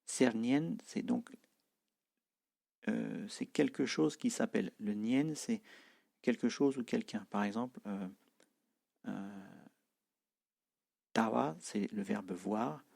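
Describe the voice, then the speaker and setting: A man teaching a language lesson, explaining slowly with many hesitations and repeating example phrases. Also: fairly low pitch, creaky, darkish tone.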